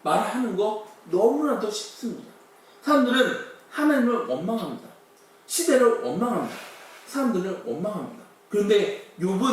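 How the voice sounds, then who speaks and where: A man's voice: high voice, a little hiss or hum. A man preaching a sermon who asks many rhetorical questions and acts out quoted complaints. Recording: very echoey hall from far off.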